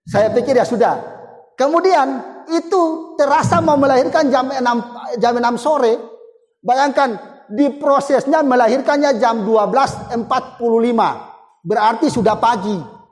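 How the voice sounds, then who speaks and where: A man's voice: very high voice, unhurried, big-room sound. A man, preaching a sermon and telling a personal testimony in a conversational, storytelling way. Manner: conversational, storytelling with acted quotes and chuckles.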